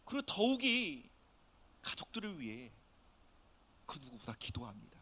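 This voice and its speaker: A man pastor preaching an earnest sermon, often dropping to a soft near-whisper on key phrases. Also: mid-range voice, big pitch swings, normal speed. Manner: acts out quoted family voices in his preaching.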